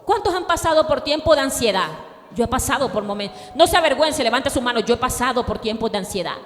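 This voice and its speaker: A woman pastor preaching a sermon with fervor, calling on the congregation to repeat after her and rising to shouts. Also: high-pitched, in a large hall. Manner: fervent preaching, rising to shouts, call and response.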